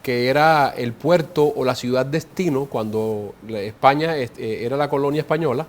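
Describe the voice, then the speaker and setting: A mid-range male voice at a moderate pace belongs to a man in his forties with a Colombian Caribbean coastal Spanish accent. He is an interview guest explaining things conversationally, often repeating words while searching for the next one.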